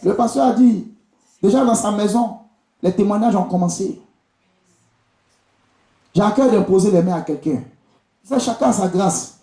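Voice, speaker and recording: With long pauses and a measured pace, a man from Côte d'Ivoire preaches a charismatic sermon as a visiting prophet and preacher, his voice high but dark in tone. Speaking with an Ivorian accent, he addresses the congregation directly and repeats key phrases, captured in echoey church hall sound at a live indoor service.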